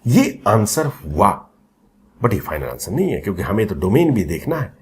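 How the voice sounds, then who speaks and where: A man teaching maths in a recorded coaching lecture, chatty and lively, asking the class questions and joking, mixing Hindi with English terms. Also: fairly low pitch, moderate pace, a little hiss or hum. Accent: Hindi-English code-mixing.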